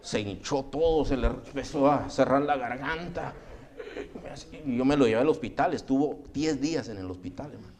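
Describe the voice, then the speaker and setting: A man's voice: medium pitch, moderate pace, a little mellow. A man preaching a sermon, telling a personal story and often calling his listeners brother. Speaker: pastor.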